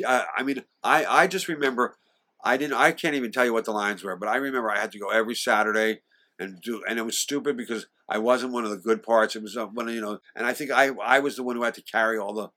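A man in his sixties, a singer-actor being interviewed, shares memories in a medium-pitched, slightly bright voice. He stutters and restarts here and there and imitates the voices of people he quotes.

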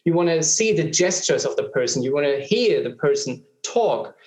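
A man's voice: on the high side, expressive, normal speed, darkish tone. Man explaining in a roomy echo. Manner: explains patiently, many filler ums and restarts. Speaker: guest expert. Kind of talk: explanatory conversation.

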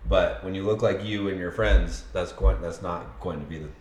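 A man's voice: deep voice, steady tone, normal speed, a little mellow. A man co-hosting a casual couple chat, speaking bluntly and teasingly. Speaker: podcast co-host. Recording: echoey room.

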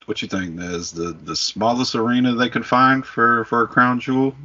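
A man's voice: medium pitch, steady tone, moderate pace, pushed and bright. A middle-aged man hosting a podcast, chatting casually about sports. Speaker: podcast host. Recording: dull lo-fi audio.

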